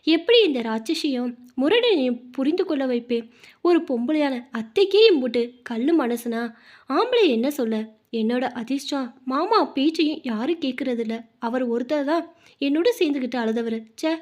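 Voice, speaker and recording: A desperate young daughter-in-law, pregnant and grieving, speaks in a pleading, tearful way, voiced by a woman storyteller. Her voice sits high. It is told as a spoken storybook. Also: expressive, moderate pace. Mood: bitter.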